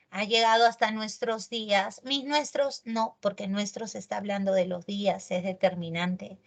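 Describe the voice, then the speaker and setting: Slow, emphatic woman teaching grammar. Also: mid-range voice. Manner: animated, emphatic, checks in with tag questions. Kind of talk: online grammar lesson.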